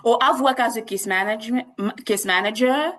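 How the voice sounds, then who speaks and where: A woman's voice: fairly high pitch, a little fast, a bit bright, low-quality recording. A woman from Haiti, a nurse practitioner, speaking earnestly as a podcast guest with many restarts. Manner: earnest, repeats herself, frequent restarts. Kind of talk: interview conversation.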